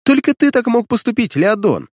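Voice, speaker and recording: A man's voice: very high voice, very animated, normal speed, a little mellow, no room sound, clean studio sound, voice pushed up, full character voice. A man reading an audiobook voices a sarcastic, mocking young woman student who scolds and teases the hero. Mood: scolding.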